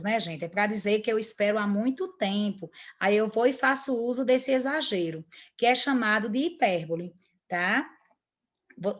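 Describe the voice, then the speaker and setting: A woman teacher explains grammar in an online class, her voice sitting a little high. She talks in an unscripted way, restarting phrases and stopping often to check that her students follow. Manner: many fillers, frequent restarts, keeps checking in with "tá?". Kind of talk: online school lesson.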